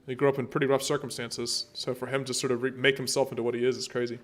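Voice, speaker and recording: A man's voice: medium pitch, level tone, fast talker. A man streaming a naval warship game, chatting casually and rambling with plenty of fillers and restarts. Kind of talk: casual gameplay commentary.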